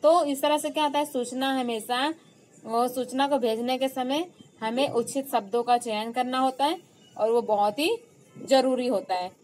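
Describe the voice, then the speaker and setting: A woman teacher giving an online class lecture, explaining slowly, repeating key terms and stressing example phrases. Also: high voice, darkish tone, a little hiss or hum, low-quality recording.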